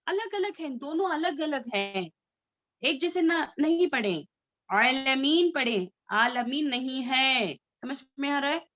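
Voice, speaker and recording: A woman's voice: high-pitched, lively intonation, measured pace, a bit bright, muffled recording. A woman teaching a Tajweed recitation class, patiently drawing out letter sounds and often checking that students follow. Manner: frequent checks for understanding.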